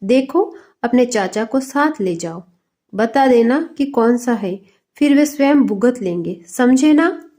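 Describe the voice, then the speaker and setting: A woman's voice: a little high, expressive, takes it slowly, warm tone. A woman voicing a stern middle-aged father who presses his young son with scolding questions, in a storybook reading. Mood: instructing.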